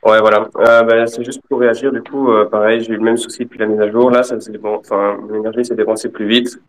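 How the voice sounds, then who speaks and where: A man calling in to casually describe his experience, halting and correcting himself. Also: lowish voice, level tone. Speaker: caller. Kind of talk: casual account of a problem.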